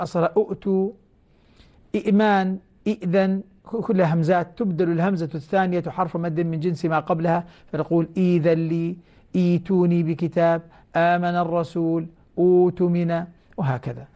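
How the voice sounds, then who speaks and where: A man teaching Quran recitation rules on a television program, explaining each rule and then chanting short example verses slowly, calling the listeners his brothers. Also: a little high, darkish tone. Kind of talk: televised tajweed lesson. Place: TV studio.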